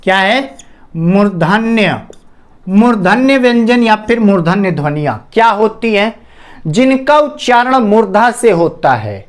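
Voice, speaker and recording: A male teacher giving a classroom lecture. He sounds out each sound slowly and several times, and keeps asking his students questions before he answers them himself. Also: high-pitched, lively intonation. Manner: drills sounds slowly with repetition. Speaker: Hindi teacher.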